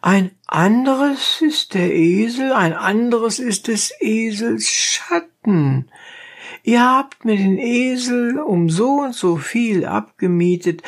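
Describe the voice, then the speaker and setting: A narrator voicing a stubborn, defiant donkey driver in a high, drawn-out, insistent voice for a satirical audiobook. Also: vocal fry, heavily acted.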